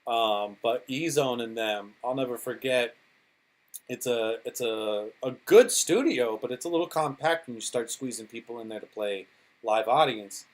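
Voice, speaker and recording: A man's voice: mid-range voice, animated, moderate pace, poor audio. A man talking casually as a podcast guest, a DJ and producer who rambles through stories and swears freely. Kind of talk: casual interview chat.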